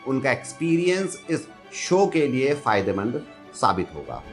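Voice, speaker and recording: A man's voice: medium pitch, sing-song, a little slow, faint music behind. A man reading a scripted entertainment news roundup in an upbeat, gossipy way.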